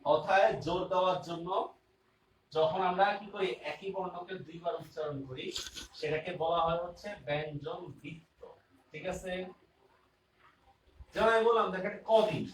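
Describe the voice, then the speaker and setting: A man's voice: sits high, normal speed, pauses often, a little hiss or hum. A male teacher gives an online grammar class, repeating key terms and often checking whether students follow. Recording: roomy and distant with faint ambience.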